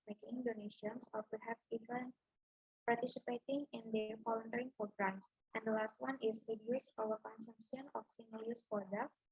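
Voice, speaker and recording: Girl doing her part of a class presentation, husky kinda high voice, dry sound, lists stuff off the slides. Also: a little mellow, dry recording, low-quality recording. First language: Indonesian. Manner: lists points one by one, reading from slides. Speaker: student presenter.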